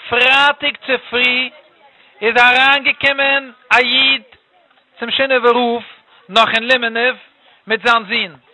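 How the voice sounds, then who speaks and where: Man, storyteller, very high voice, dry close sound, lively, acts out characters. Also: measured pace, long pauses, no echo, rough recording. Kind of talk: telling a traditional religious tale.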